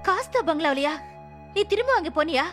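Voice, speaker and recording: A woman's voice: very high voice, lively intonation, a little fast, a bit bright. An actress playing an anxious, protective woman who pleads with her friend, in a television serial. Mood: worried. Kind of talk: 1990s television serial acting. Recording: music underneath.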